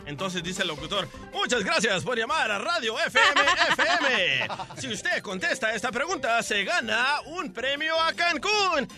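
Very high, sharp-toned radio joker. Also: male voice, sing-song, a little slow, soft background music. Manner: joking, voices people in his jokes. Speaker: radio show co-host. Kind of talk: morning radio comedy banter.

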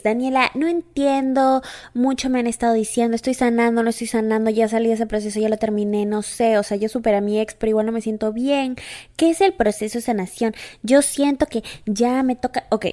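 A young woman hosting her podcast in a playful, affectionate, teasing manner, switching between bubbly compliments and soft, hushed asides. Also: a little high. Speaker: podcast host. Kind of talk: casual chat.

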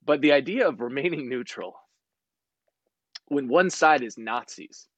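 A man's voice: medium pitch, lively intonation, measured pace, fairly bright tone, no room sound. A man of forty, a sports broadcaster guesting on a podcast, talking in a rambling, tangential way and laughing often. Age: 40s. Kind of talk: casual chat.

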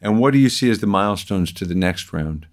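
A man investor questioning founders and explaining his pass in a halting way, often repeating words. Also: low voice, lively intonation. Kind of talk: business pitch discussion.

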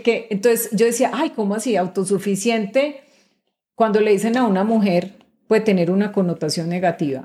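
A woman's voice: medium pitch, dark tone. Middle-aged woman explaining steadily. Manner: explains patiently, often checks in with "¿ves?" and "¿sí?". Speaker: guest executive. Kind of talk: conversational interview.

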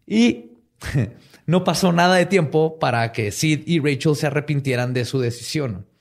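A podcast host with a Mexican Spanish accent tells a story in a casual, jokey, slangy way, laughing often. His voice is a little high and unhurried, with some vocal fry.

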